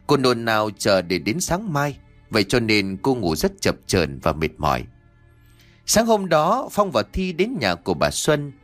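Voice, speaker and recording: A man narrating a ghost story in an expressive storytelling manner. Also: mid-range voice, a little slow. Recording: faint background music.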